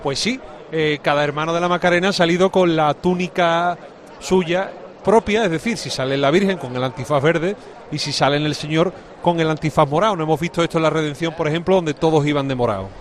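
A man's voice: a little high, brisk. A man, anchoring live coverage and handing over to reporters in the field. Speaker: broadcast anchor. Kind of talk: live event commentary.

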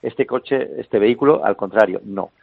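A man calls in to a radio show, his fairly low voice squeezed through a narrow, dry phone line. He explains in long, meandering turns full of fillers and self-corrections. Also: moderate pace, creaky, no room sound. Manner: explanatory, many fillers and restarts, chuckles now and then. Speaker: interview guest explaining a vehicle.

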